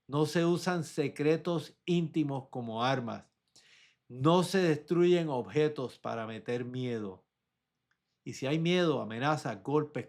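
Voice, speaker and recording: Slow, measured Puerto Rican man. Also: on the high side. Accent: Puerto Rican Spanish. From Puerto Rico. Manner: measured, emphatic delivery in short lists. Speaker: physician and podcast host. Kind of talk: scripted health monologue.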